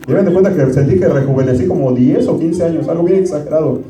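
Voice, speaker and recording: A man's voice: on the high side, fast talker, background noise. A pastor, preaching a conversational sermon and often calling his listeners brothers. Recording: roomy, distant from the mic.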